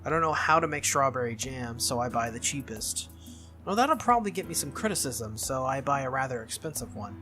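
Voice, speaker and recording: Over game music, a playthrough host with a medium-pitched voice reads a visual novel aloud a little fast. The reading is expressive and sprinkled with casual reactions.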